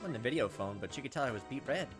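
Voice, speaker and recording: With music in the background, a medium-pitched man reads a visual novel in rapid-fire fashion, his intonation lively. As a gaming video host, he reacts to the text with casual, occasionally profane commentary.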